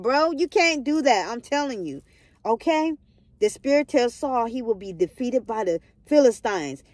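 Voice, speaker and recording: A woman's voice: on the high side, no room sound. A young woman reading a Bible story aloud in a casual vlog and stopping often to preach emphatically to her listeners. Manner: emphatic, preachy asides, keeps calling out to listeners. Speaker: vlogger retelling a Bible story.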